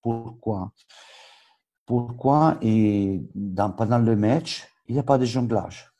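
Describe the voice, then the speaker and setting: A man from Switzerland, a native Italian speaker with an Italian accent, presenting a webinar as a football coach educator and haltingly searching for words in a second language. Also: on the low side, warm tone.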